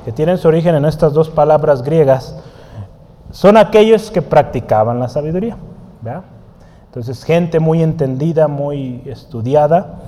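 A man's voice: fairly high pitch, dark tone. Man teaching a Bible study in a hall. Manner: conversational, asks the listeners questions; writes on a board while teaching.

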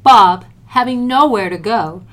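A woman's voice: fairly high pitch, lively intonation, a little slow, fairly bright tone. Woman narrating a wry story. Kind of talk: scripted narration.

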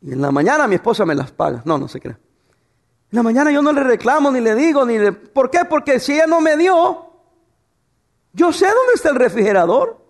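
High-pitched, lively preaching man. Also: fairly quick, creaky. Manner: preaching with laughs and rhetorical questions; tells humorous stories about his wife. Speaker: pastor. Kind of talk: sermon.

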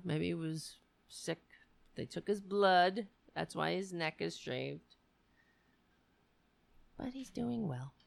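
A woman hosting a live stream, chatting casually and haltingly as if thinking aloud. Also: on the low side, vocal fry. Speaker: host of a political live stream. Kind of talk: casual livestream chat.

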